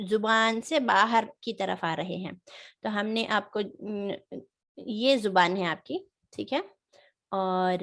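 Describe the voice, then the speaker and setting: Patient woman teaching letter sounds. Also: medium pitch. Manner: patient explaining, many fillers, demonstrates sounds slowly. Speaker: Quran reading teacher. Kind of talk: online tajweed lesson.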